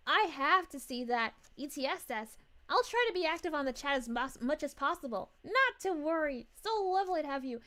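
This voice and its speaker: A woman's voice: very high voice, fairly bright tone, full character voice. A woman voicing a sweet, bubbly young cartoon princess who hosts a livestream, chatting casually and gushing over viewers' messages. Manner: gushing, giggly, exclaims with cooing woo-hoos. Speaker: livestream host.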